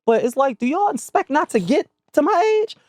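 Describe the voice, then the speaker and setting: A high-voiced woman in her forties with a Philadelphia accent, talking candidly and sassily as a guest on a chat podcast. She laughs often, and her voice sits dry and close with no room sound. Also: sing-song, normal speed, darkish tone, no room sound. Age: 40s.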